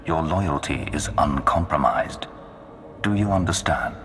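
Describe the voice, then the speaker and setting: An actor playing a menacing, grandiose Sith dark lord, commanding and slow in manner. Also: male voice, a bass voice. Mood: ominous, grandiose. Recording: long hall reverb under loud music.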